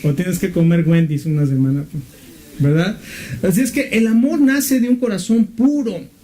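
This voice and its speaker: Man, middle-aged pastor, sermon, high voice, warm tone, rhetorical questions. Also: moderate pace. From Mexico. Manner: asks the listeners questions, uses fillers like "este".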